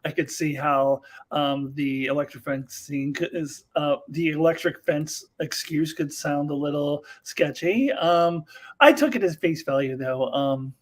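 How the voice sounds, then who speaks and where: Man, podcast guest, higher voice, easygoing, casual review chat. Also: measured pace. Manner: easygoing, repeats "face value", many ums.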